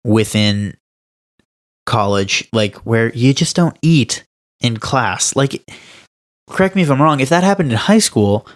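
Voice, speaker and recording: A young man co-hosts a podcast in a casual chat, his medium-pitched voice moving a little slowly. He tells stories animatedly and emphatically, laughing as he goes.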